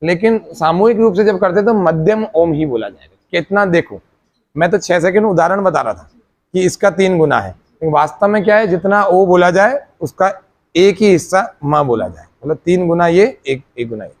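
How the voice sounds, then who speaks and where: A man with a fairly high voice teaches a meditation class. He goes through each point step by step and keeps checking that his students have understood before moving on. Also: lively intonation, normal speed.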